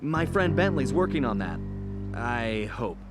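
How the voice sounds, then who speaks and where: A man's voice: mid-range voice, big pitch swings, measured pace. An actor playing a cool, wisecracking male raccoon thief in a game cutscene, talking wryly. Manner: wry, wisecracking. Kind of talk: video game cutscene acting. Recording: game music underneath.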